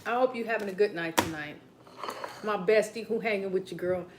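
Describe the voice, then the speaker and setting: A woman's voice: mid-range voice, brisk, low-quality recording. Southern woman, home livestream host, loose rambling chat to viewers, mid-range voice, faint hiss behind. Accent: Southern American. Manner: rambling, talks to viewers as besties, drops into quiet asides. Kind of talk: casual late-night livestream chat.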